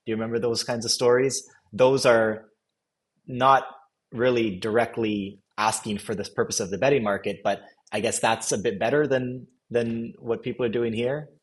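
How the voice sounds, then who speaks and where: A man's voice: medium pitch, steady tone, moderate pace. A man hosting a casual podcast chat, rambling and laughing at his own points. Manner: rambling, laughs while mocking himself. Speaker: podcast host.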